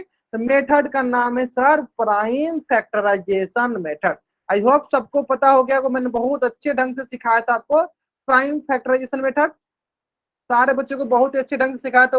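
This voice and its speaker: High-voiced man teaching math. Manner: repetitive, asks the class questions and answers them himself; says English math terms slowly and drawn out. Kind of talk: live online class lecture. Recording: dull lo-fi stream audio.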